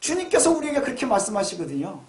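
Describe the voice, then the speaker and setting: A man's voice: extremely high pitch, very animated, very fast, darkish tone. A middle-aged male pastor preaching a Sunday sermon in a conversational way, asking rhetorical questions and acting out quotes. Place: church sanctuary. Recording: echoey church hall.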